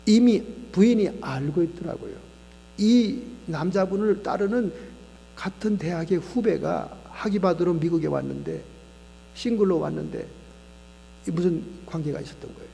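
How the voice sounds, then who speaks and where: A man's voice: sits high, moderate pace, creaky, big-room sound, slight background noise. A man preaching as a pastor, telling a story and acting out the voices of the people in it. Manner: animated storyteller who acts out the people in his story. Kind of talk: sermon storytelling. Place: church sanctuary.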